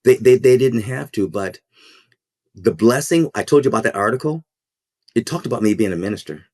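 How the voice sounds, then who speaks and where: A man's voice: mid-range voice, lively intonation, a little mellow, dry recording, studio quality. A man who is a school principal and minister, speaking in a podcast interview in an earnest, reflective way that halts and repeats words. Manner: halting, repeats words while thinking.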